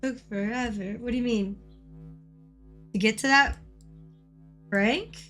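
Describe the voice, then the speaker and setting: A woman with a hoarse voice, chatting casually and excitably on a game stream, repeating phrases as she goes. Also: fairly high pitch, takes it slowly, soft background music. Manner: swears casually. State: hoarse from coughing. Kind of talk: casual live-stream chat.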